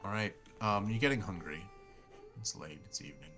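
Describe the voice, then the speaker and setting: A man improvising narration as game master of a tabletop fantasy game, halting as he thinks aloud. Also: on the low side, pushed and bright, faint music behind.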